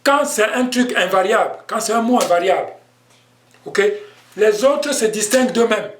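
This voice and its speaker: A man's voice: high voice, expressive, roomy sound, slight background noise. A man teaching an online language lesson, explaining patiently and repeating himself. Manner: slow, patient explaining with repetitions.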